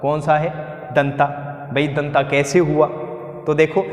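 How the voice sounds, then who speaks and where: A male teacher with a fairly high voice gives a coaching lesson, drilling letter sounds and asking the class questions he answers himself. His voice rings around a bare, echoey room with a long reverb tail. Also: level tone, unhurried. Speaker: Hindi grammar teacher.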